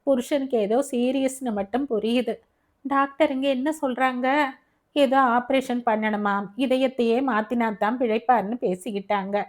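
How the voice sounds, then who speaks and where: A woman's voice: a little high, fairly even intonation, moderate pace, a little mellow, close to an everyday voice. A woman doing a blunt, chatty working-class wife. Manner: frank, rough, chatty.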